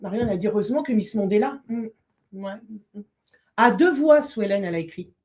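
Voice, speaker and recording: A woman's voice: mid-range voice, fast, dark tone. Teasing woman reading viewer comments. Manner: teasing, reads viewer messages aloud. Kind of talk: casual live chat.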